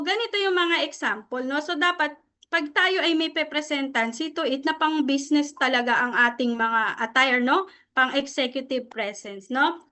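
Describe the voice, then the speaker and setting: The presentation-skills trainer, a middle-aged Filipino woman, has a high-pitched, sharp voice. Lecturing a sales team, she slides freely between Tagalog and English and keeps checking in with her listeners after nearly every phrase.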